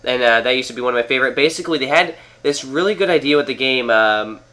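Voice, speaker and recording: A man from Canada, stuffed up with a cold and sounding nasal, narrates his gameplay on a home TV for a gaming video. His medium-pitched voice is fast, bright, and forceful, and his talk wanders with many fillers and restarts.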